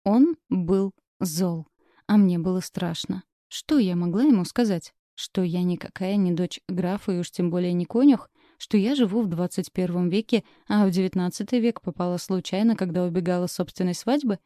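A woman reads a first-person romance novel aloud in an expressive, steady storytelling manner. Her voice is dark and mellow, pitched a little low. The recording is dry and close-miked, with no room sound. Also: moderate pace, no room sound. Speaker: audiobook narrator. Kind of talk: scripted first-person narration.

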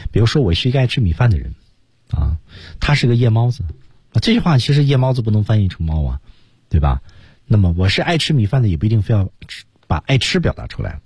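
Man, very low voice, husky, radio English lesson, lively intonation, models sentences. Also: dry recording, studio quality. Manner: explains pronunciation, models English sentences slowly. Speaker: English teacher, radio co-host.

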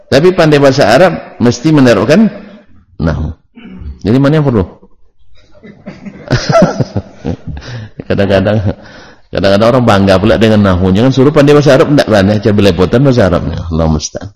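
A man's voice: on the low side, expressive, brisk, pauses often, darkish tone, long reverb tail. A man teaching an Islamic study lecture, joking with his listeners and answering his own questions. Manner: joking, banters with the audience; asks questions and then answers them himself.

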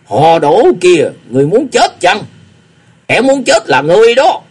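A man voicing an angry, threatening old beggar-sect elder who shouts in a spoken wuxia story. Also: on the high side, sing-song, unhurried, breathy edge, voice pushed up, full character voice. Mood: furious. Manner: shouting, raging.

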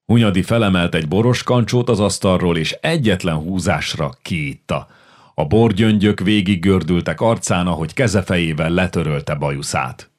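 A man narrating a historical novel in an audiobook, measured and expressive. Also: low-pitched. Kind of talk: scripted narration.

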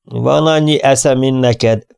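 A man voicing a gruff, evasive old cowboy in an audiobook. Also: medium pitch, steady tone, a little mellow, pitched above the performer's own voice, lightly acted.

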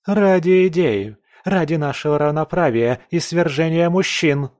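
A man plays a haughty, taunting young woman journalist in an audiobook, making her defiant, provocative and sharp-tongued. His delivery is animated and a little slow, on the high side and pitched above his own voice. The clean studio recording carries no echo.

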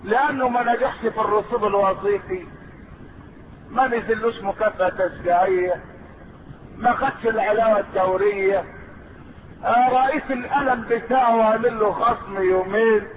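A man with an Egyptian accent preaching an impassioned sermon, stretching phrases in chanted emphasis and breaking into shouts. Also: sits high. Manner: fiery, drawn-out chanting emphasis with sudden shouts. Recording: tinny, hissy old cassette recording.

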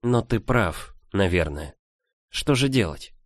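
A male narrator voicing a confused young woman heroine in an audiobook, speaking softly and uncertainly. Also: lowish voice, animated, slow pace, no echo, clean studio sound. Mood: unsure. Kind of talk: audiobook character voice.

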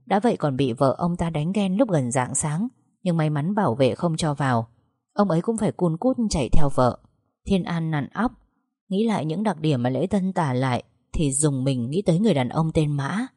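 A woman narrating a dramatic audiobook story in a steady, expressive way on a close mic. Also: low-pitched, moderate pace, husky, dry recording.

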